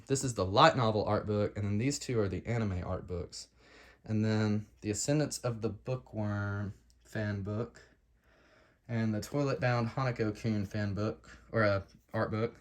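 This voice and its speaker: Man, casual shelf tour, rambling, lists titles, frequent ums, mid pitch. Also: fairly bright tone. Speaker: collector showing his shelves.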